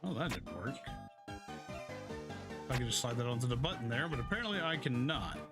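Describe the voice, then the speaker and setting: A man's voice: medium pitch, animated, a little fast, loud music behind the voice. A man giving casual gaming commentary as he streams. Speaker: game streamer. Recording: faint background noise.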